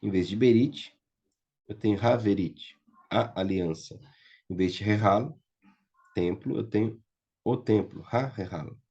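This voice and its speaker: Over muffled, lo-fi audio, a man with a Brazilian Portuguese accent teaches Biblical Hebrew online. His voice is lowish, a little slow and a bit mellow with a breathy edge, and he takes long pauses. He patiently checks that students are following, often asking "tá?" and "certo?"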